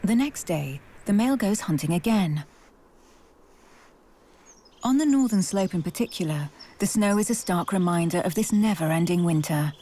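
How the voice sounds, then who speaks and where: A woman's voice: on the low side, expressive, moderate pace, mellow. A woman reading scripted narration for a wildlife documentary.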